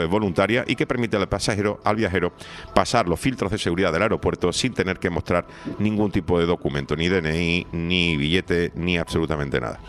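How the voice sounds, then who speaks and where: A man runs through the day's news on the radio in a fairly low voice. He mixes headlines with his own opinions and often stops to hesitate or correct himself. Soft music plays quietly under him. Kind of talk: radio news review with personal commentary.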